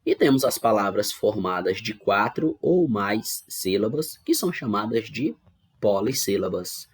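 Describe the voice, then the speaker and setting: A man's voice: fairly low pitch, lively intonation, a little slow, slightly rough. A man with a Brazilian Portuguese accent teaching an online grammar lesson, patiently explaining step by step and often checking that students follow. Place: home recording for online class.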